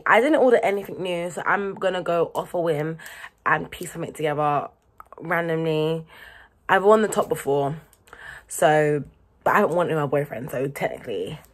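A woman's voice: fairly low pitch, slight background noise. A young woman, chatting casually and rambling to camera in a vlog, often correcting herself. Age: young adult. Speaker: vlogger. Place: at home.

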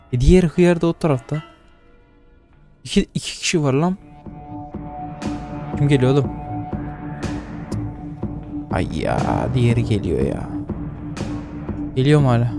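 A young man talking himself through a horror game, muttering nervously, then dropping to hushed whispers. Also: medium pitch. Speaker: gaming YouTuber.

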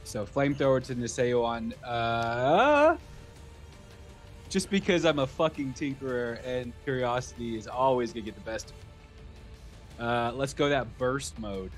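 A man speaks as a player at a tabletop role-playing table, working through his turn in a loose, conversational way. He states each action in order and drops the odd curse. His voice sits at an ordinary middle pitch. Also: animated, a little slow, faint music behind. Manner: casual, stating moves step by step, swears. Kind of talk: casual tabletop game talk.

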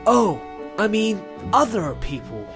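A man voicing an eager, earnest young hedgehog hero in an animated comic dub. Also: high-pitched, takes it slowly, gravelly, heavily acted. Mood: curious. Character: eager young heroic hedgehog apprentice, boyish and brash. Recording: music behind the voice.

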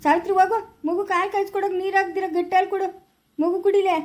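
A woman with a rural Chikkaballapura Kannada accent playing a defiant, sharp-tongued grown village son in an amateur family skit, curt with his mother and gentle with a baby. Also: very high voice, level tone, fast. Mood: soothing. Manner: curt, dismissive, then soft cooing with a baby.

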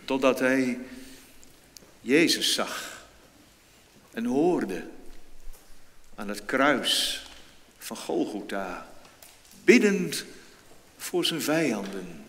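A male pastor preaching a sermon in a church, slow and deliberate, with sudden emphatic rises in pitch and volume. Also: lively intonation, a bit bright. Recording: long church reverb, faint noise.

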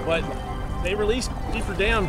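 Kayaker guy, high voice, laid-back tips, outdoor action-cam audio with loud music under it. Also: moderate pace. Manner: relaxed, explanatory, giving paddling tips. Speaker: kayaking vlogger. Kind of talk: casual narration while paddling. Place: outdoors on a flooded river in a kayak. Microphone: action camera mounted on the kayak.

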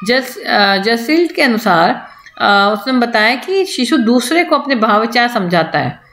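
A woman lecturer with a slightly high voice talks through a lesson in a steady, explanatory way. She stops to restart words and mimics a baby's syllables to show her point. The recording carries a clear echo from the room. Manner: explains slowly, restarts words, imitates baby sounds. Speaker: college lecturer.

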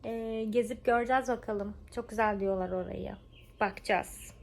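A woman's voice: mid-range voice, fairly even intonation, moderate pace, vocal fry, slight background noise. A woman talking casually in a home vlog, chatty and rambling with informal asides. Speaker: vlogger. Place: at home, indoors.

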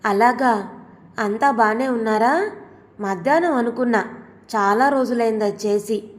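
A woman's voice: fairly high pitch, unhurried, close to an everyday voice. A woman voicing a meek middle-aged husband who answers in a plain, mildly pleading way. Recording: long hall reverb.

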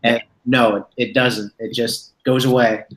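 A man's voice: mid-range voice, level tone, a little slow, a bit bright, reverberant, rough recording. A man in his thirties hosting a casual video-call chat from a room at home. He rambles and corrects himself as he tells stories. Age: 30s. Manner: rambling, self-correcting storyteller. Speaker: host. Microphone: webcam on a video call.

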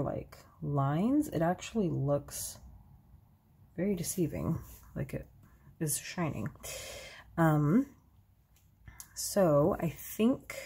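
Slow, husky-voiced woman crafter. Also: lowish voice. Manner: relaxed, chatty, self-deprecating asides. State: sneezing, slightly congested. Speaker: card-making crafter. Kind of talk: casual craft tutorial narration.

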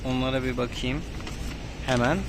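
A man's voice: medium pitch, little pitch movement, moderate pace, heavy background noise. A man giving a casual, unscripted motorcycle review from inside a helmet, explaining things a little hesitantly. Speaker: motovlogger reviewing his motorcycle.

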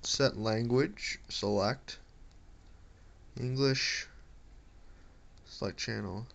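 Speaking extremely slowly with vocal fry, this man has a medium-pitched, slightly bright voice. He's an amateur gadget reviewer doing casual setup commentary in a small room at home, muttering to himself and reading screen prompts aloud. Faint background noise and device clicks can be heard.

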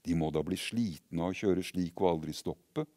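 A man's voice: low-pitched, warm tone, no room sound, clean studio sound, close to an everyday voice. A man voicing a small, stubborn, cheerful little boy who believes in Christmas elves, in a storybook reading. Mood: eager.

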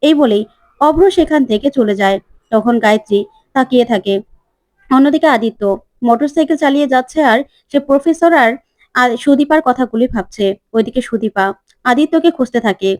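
A woman narrates a TV serial episode in steady, plain storytelling. Her voice is high and mellow. The sound is dry and close. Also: normal speed, no room sound.

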